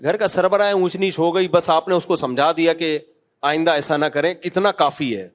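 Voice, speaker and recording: A middle-aged man, a mufti answering questions from the public in a conversational, scolding manner with joking asides. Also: a little high. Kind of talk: public Q&A talk.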